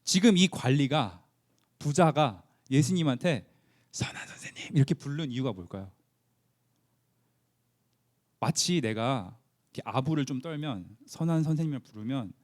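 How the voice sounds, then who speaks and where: A man's voice: mid-range voice, darkish tone. A young man preaching to a youth group in a conversational way, asking the listeners questions and acting out the Bible figures' lines in casual speech. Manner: asks the listeners questions and answers them himself. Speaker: youth pastor.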